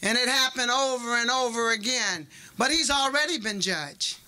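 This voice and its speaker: A woman's voice: a little high, normal speed, bright, forceful tone. A woman, a grieving mother, speaking fervently at a podium microphone in a public meeting hall, with a preaching cadence. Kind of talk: impassioned public comment.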